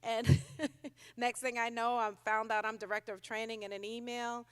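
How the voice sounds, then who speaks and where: A woman's voice: fairly high pitch, level tone, normal speed, fairly bright tone, smooth. A woman in her fifties from Connecticut, giving a conversational speech at a conference with frequent ums. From Connecticut, USA. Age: 50s. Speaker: keynote speaker, child welfare commissioner. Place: large conference hall with audience. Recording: long hall reverb.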